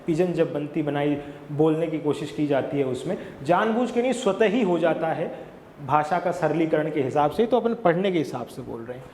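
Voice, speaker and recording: A man's voice: a little high, darkish tone, reverberant, in a large hall, slight background noise. A man with a Hindi accent giving an exam-prep lecture, explaining step by step and posing questions to himself before answering them. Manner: explains slowly, asks and answers his own questions. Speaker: English exam tutor. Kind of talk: classroom-style lecture.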